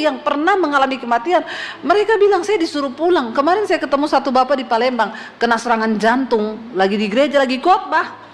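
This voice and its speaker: A middle-aged woman pastor preaching a sermon, telling stories quoted voices and humor, traces of speech. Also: high voice.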